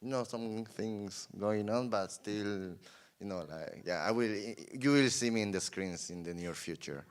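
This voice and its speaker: A man from Spain, an actor answering festival Q&A questions haltingly, with many fillers. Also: fairly low pitch, clear, resonant tone. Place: film festival screening.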